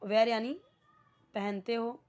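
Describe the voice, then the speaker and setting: A woman teaching English grammar with a fairly high voice, breaking sentences down word by word and repeating key terms. She often turns to the viewer with questions. The recording sounds dull and lo-fi. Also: fairly even intonation, slow pace, a little mellow, clear, resonant tone. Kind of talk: spoken English grammar lesson.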